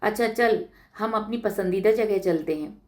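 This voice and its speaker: A woman's voice: mid-range voice, normal speed, voice pushed up, close to an everyday voice. A woman voicing an eager, spirited young married village woman in a read-aloud story.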